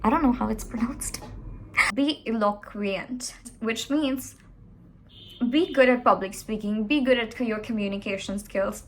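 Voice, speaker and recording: A woman coaching communication skills, giving motivational advice in an expressive, animated way, speaking straight to the viewer. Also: on the high side, normal speed, slight background noise.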